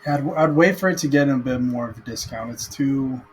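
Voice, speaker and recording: A man's voice: medium pitch, fairly quick, slight background noise, poor audio. Hesitant, tired young man vlogging. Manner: hesitant, many fillers and restarts. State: mentally tired. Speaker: aspiring day trader vlogger. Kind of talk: casual screen-share commentary. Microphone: webcam.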